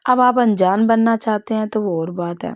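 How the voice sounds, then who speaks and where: A woman's voice: mid-range voice, dry recording, muffled recording, natural voice. A woman reading as a teasing young man. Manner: playful, scheming. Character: teasing mischievous young man, a prankster cousin.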